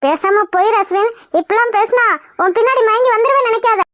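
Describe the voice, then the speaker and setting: A woman's voice: very high-pitched, fast talker, dry recording, studio quality. A woman voicing a hurt, stubborn young pregnant wife in a cartoon, sulky and defiant. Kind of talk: cartoon voice acting.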